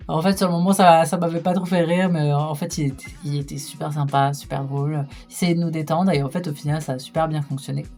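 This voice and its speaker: Young woman, low voice, rambling casual storytime delivery with constant "euh" fillers, faint music underneath. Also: little pitch movement, fast, hardly any pauses, dark tone. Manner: chatty, lots of hesitation fillers, laughs while telling. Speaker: vlogger.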